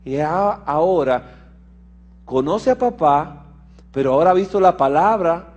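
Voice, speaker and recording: Man preaching a lecture-style sermon. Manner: explanatory, asks listeners if they follow; shifts between emphatic raised passages and low quiet asides. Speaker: preacher and physician. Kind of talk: sermon mixed with a medical lecture.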